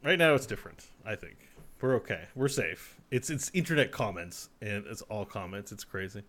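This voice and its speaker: Podcast co-host, man, rambling and animated, calling in remotely, laughs a lot. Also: lowish voice, moderate pace. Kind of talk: casual podcast chat. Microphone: remote call.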